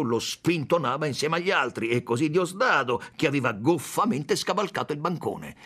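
Husky expressive male audiobook narrator. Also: fairly high pitch. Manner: expressive, dramatic reading.

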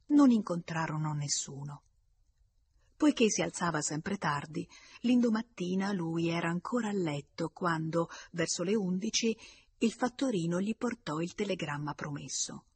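Husky low-voiced woman narrating. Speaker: audiobook narrator. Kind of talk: scripted audiobook narration.

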